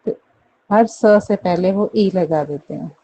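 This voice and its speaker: A woman teacher from India with a low, mellow voice explains English pronunciation at an unhurried pace, drilling each word several times. The recording is dull and lo-fi, with faint noise behind her. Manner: repeats words slowly, checks in with "theek hai?". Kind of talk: classroom pronunciation lesson.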